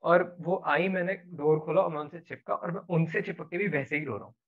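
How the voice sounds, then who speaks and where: Give me a high-pitched man casually recounting his own story, with a tinny, phone-like sound. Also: fairly even intonation, a little fast, gravelly. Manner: earnest, rambling, mixes in English words.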